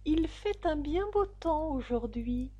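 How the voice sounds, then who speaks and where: A woman voicing a small, nervous male rabbit who speaks timidly and in hushed tones. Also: a little high, measured pace, breathy edge, pitched above the performer's own voice. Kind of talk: storybook reading.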